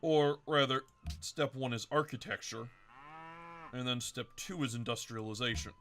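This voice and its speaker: A man's voice: mid-range voice, normal speed, a bit bright, slight background noise. A man hosting a let's-play video, casually thinking aloud and correcting himself as he plans his moves. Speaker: game commentator.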